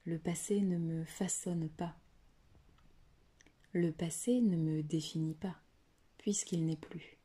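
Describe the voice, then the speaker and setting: A woman leading a guided yoga nidra meditation, speaking softly and slowly and often slipping into a whisper. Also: on the low side. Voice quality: very breathy. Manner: soft, slow, partly whispered guidance.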